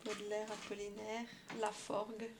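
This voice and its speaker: A woman's voice: mid-range voice, monotone, moderate pace, slight background noise. A woman, speaking in an informal, conversational setting. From Paris region, France. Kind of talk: casual chat.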